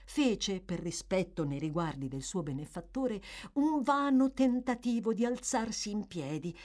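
A woman narrating a classic novel as an audiobook, in an expressive, measured reading. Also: mid-range voice. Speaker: audiobook reader.

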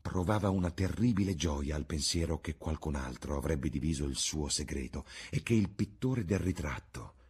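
A man narrates a classic novel in a measured, literary reading style. His voice is low and deep, with a husky, breathy grain. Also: lively intonation, darkish tone. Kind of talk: audiobook reading.

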